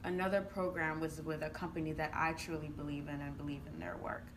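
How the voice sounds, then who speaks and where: Speaking fairly quickly in a low, flat voice, this Ugandan entrepreneur and youth programme coach gives earnest, explanatory interview answers, frequently adding "right?". The room ambience is clearly noisy.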